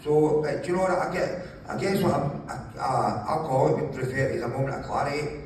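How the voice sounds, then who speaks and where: An interview guest with a gravelly, slightly high voice and a darkish tone tells animated stories at a quick pace, joking and swearing casually. The room is very echoey, the mic distant, and there's faint noise.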